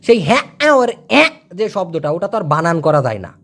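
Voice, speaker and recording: Lively woman drilling pronunciation. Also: on the low side. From Bangladesh. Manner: slowly repeats words as pronunciation drills. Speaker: language teacher. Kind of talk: casual spoken lesson.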